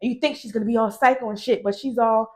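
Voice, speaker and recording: A middle-aged woman giving a casual, profane movie recap, animated and laughing often. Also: a little high, fast. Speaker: movie reviewer.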